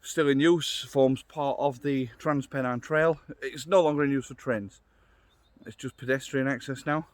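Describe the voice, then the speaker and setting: A middle-aged man with a Yorkshire accent talks casually as he guides viewers along an outdoor trail. His delivery is unscripted and down-to-earth, as he thinks aloud into a phone held at arm's length. His pitch sits in an ordinary middle range for a man. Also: fairly even intonation, normal speed. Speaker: vlogger, walking guide. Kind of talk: casual walking vlog narration.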